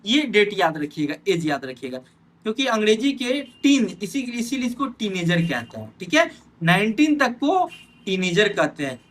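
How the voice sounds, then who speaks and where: A man's voice: sits high, pushed and bright. A man teaching an exam-prep lesson, talking straight to his students and checking in often with "theek hai". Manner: addresses students directly, pointing at notes.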